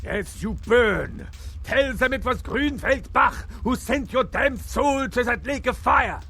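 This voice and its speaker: An actor playing a fanatical, wrathful religious vampire hunter in a video game, declaiming like a grandiose preacher. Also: male voice, very high voice, animated, slow pace, creaky, bright, forceful tone, husky, exaggerated voice. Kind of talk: video game villain acting.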